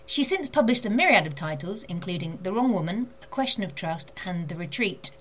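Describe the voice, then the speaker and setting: A woman's voice: medium pitch, big pitch swings, brisk, a little hiss or hum. A woman author hosting her own show, chatting casually with lots of ums before interviewing a guest. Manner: chatty, warm-hearted enthusiasm with many fillers. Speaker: podcast host and author.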